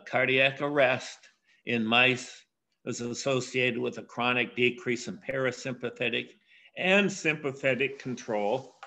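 An older man giving a keynote academic lecture, speaking in a measured way with frequent pauses and filler sounds. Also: mid-range voice, creaky, bright, forceful tone. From USA.

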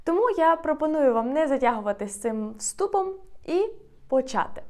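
A woman giving a grammar lesson, patiently repeating each example slowly. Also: high voice, sing-song, darkish tone. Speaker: Spanish teacher.

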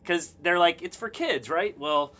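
A man's voice: on the high side, expressive, unhurried, bright, forceful tone, a little hiss or hum. A man in his forties upbeat and joking as he demonstrates a bunk area in a small cruise cabin. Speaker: travel companion. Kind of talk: casual demo chat.

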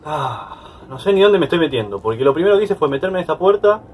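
A man's voice: a little high, sing-song, quick pace, darkish tone, slight background noise. A man with a Rioplatense Spanish accent giving casual let's-play commentary, chatty and easily startled, yelping and laughing at scares. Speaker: gaming YouTuber.

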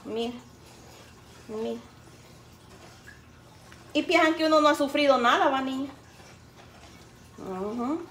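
A woman's voice: sits high, slow, pauses often, fairly bright tone. A woman, chatting in a folksy, teasing way while she cooks. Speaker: cooking vlogger. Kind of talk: casual cooking chat. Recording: roomy, faint background noise.

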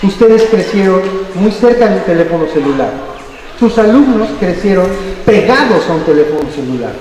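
Trainee teachers in a school auditorium hear an older Mexican-accented man joke around and act out voices in a lively, playful talk. He sounds high and sing-song with a darkish tone, speaking at normal speed. The recording has a roomy, distant feel and faint background noise.

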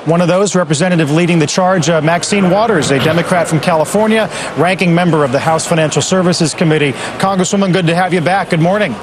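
A man anchoring a live business news show, asking brisk questions. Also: fairly high pitch, background noise.

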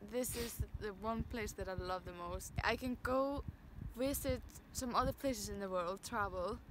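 Teen female interviewee from Iceland, calm outdoor answers on a camera mic, clear ambient noise behind. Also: medium pitch, a little slow. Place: outdoors in open countryside.

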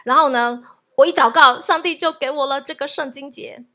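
A woman's voice: high-pitched, moderate pace. A woman pastor telling a testimony in a sermon, laughing often as she tells it. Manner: lively storytelling, laughs often.

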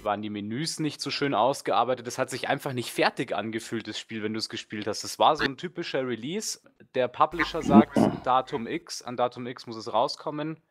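A man's voice: lowish voice, fairly bright tone. A man, a guest let's player, chatting casually and rambling with lots of fillers and strong opinions. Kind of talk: casual podcast chat.

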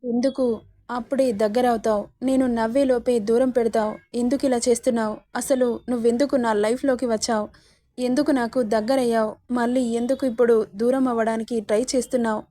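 Brief: woman doing a wounded, sharp-tongued young woman, higher voice, mellow tone, reproachful. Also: fairly even intonation, a little fast, dry recording, lightly acted. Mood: hurt, reproachful. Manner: reproachful, pleading questions.

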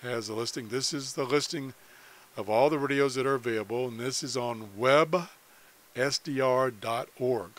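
This is a casual screen-share from an American amateur radio hobbyist who demonstrates a website while thinking aloud, unscripted. He talks at a moderate pace, his medium-pitched voice a bit bright.

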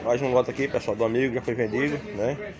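A man's voice: mid-range voice, fast talker. A man touring an outdoor animal market with a phone, chatting with sellers and talking to his viewers. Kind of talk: casual walk-and-talk vlog. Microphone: handheld phone camera. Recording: loud crowd at outdoor market.

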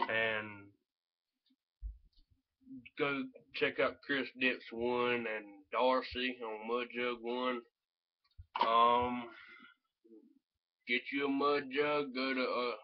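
A dull, lo-fi home recording of a young man with a Southern US accent. He speaks at a middle pitch in a casual, rambling way. He is blunt and swears freely, as if talking to viewers from his room. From North Carolina, United States. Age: young adult. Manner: blunt, laid-back, heavy swearing. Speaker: vlogger reviewing chewing tobacco. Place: small room at home, indoors. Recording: dull lo-fi webcam audio.

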